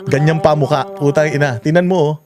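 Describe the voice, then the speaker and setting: A man's voice: fairly high pitch, fairly even intonation, fairly quick, a crowd in the background. A man delivering ranting political commentary, profane, mocking and sarcastic. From Philippines.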